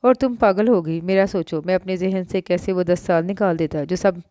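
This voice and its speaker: A woman's voice: on the low side, moderate pace, warm tone, no room sound, clean studio sound, close to an everyday voice. A woman voicing a stern young husband with a harsh, commanding way of talking, in a read-aloud novel. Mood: remorseful. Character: stern young husband, angry then remorseful.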